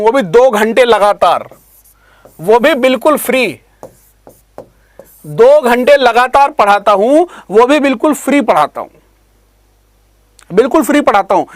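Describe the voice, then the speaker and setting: A man who teaches exam prep online, addressing students fondly and repeating himself while pitching a course. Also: no echo. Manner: repetitive, calls listeners "beta", pushy sales pitch. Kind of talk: promotional talk to students.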